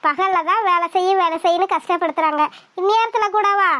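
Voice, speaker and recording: A woman voices a bold, lively young village girl for a cartoon, speaking up plainly and without fear. Her voice sits very high. The sound is dry and close. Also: fairly quick, dry recording. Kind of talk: cartoon voice acting.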